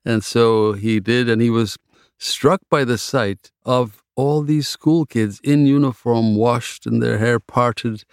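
A man raised in Ethiopia, a physician and novelist, answering interview questions in a measured, reflective way. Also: medium pitch, clean tone, dry recording, studio quality.

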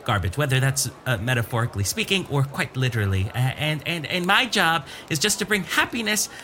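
A man voicing a tiny, flattering male imp who cheerfully eats other people's garbage. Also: medium pitch, fairly quick, slight background noise. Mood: fawning. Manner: eager, people-pleasing, flattering, giggly.

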